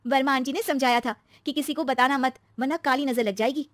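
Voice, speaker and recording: A woman voicing a cheerful, chatty young wife in a cartoon story, talking in an excited way. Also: high voice, brisk, no echo, pitched above the performer's own voice. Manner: excited, talkative.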